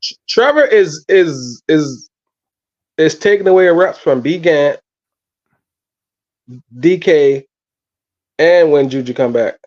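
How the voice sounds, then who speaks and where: A sports fan show host chats casually about college football on a phone-based live stream, speaking in slang and stumbling into repetitions. His slightly high voice is expressive and a little mellow, slow, with long pauses. The audio is muffled and dull.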